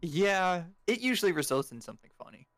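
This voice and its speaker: A man's voice: sits high, very animated, a little fast, a bit bright, dry recording. A young man from Florida in a casual group chat, making sarcastic quips.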